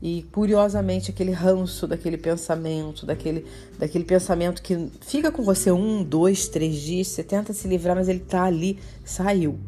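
Middle-aged woman, spiritual guide, low mellow voice, gentle and personal, faint guitar behind. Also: moderate pace. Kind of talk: guided spiritual talk and meditation. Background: soft guitar music.

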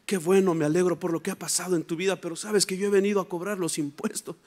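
A man voicing a worried male tax collector in a sermon retelling, speaking quietly and hesitantly. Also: sits high, steady tone, fast, lightly acted. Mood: uneasy.

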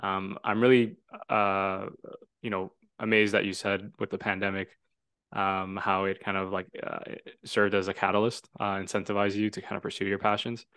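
A man's voice: lowish voice, level tone, moderate pace, a bit bright, smooth, dry recording. A man in his twenties from Toronto, hosting a casual podcast conversation in an earnest, reflective, rambling way. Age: 20s. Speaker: podcast host.

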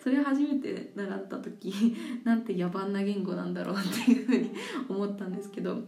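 Woman radio host chatting away, mellow voice, roomy studio, soft guitar under her. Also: medium pitch, fairly quick, vocal fry. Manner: chatty, explains with examples, laughs easily. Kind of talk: casual radio talk about languages. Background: faint guitar music.

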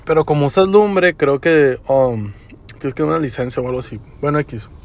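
A young podcast host with a Mexican Spanish accent tells work stories in a slangy, crude, laid-back way. His voice is on the high side and he talks at normal speed.

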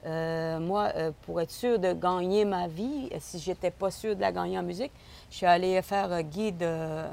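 A woman's voice: lowish voice, normal speed, creaky, darkish tone. A Québécois woman from the Côte-Nord, a singer being interviewed, chatting and laughing easily and restarting her sentences. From Côte-Nord, Quebec. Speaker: guest singer. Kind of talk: casual interview.

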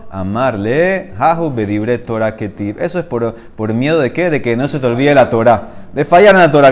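A man leads a Talmud study class. He reads each Aramaic phrase slowly, then explains it in Spanish. He keeps asking his listener questions as he teaches. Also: mid-range voice.

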